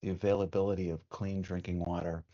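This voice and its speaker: Like a teacher leading breathing exercises, this man guides a meditation slowly and soothingly, with long pauses between phrases. His fairly low voice is level and mellow, heard through a dull, muffled lo-fi recording.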